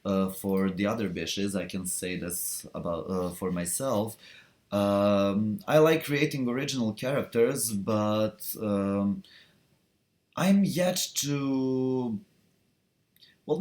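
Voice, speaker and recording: A man's voice: lowish voice, a little mellow. A young man, chatting casually on a live stream and answering viewer questions, rambling with lots of fillers, restarts and laughs. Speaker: cosplayer hosting a live stream Q&A.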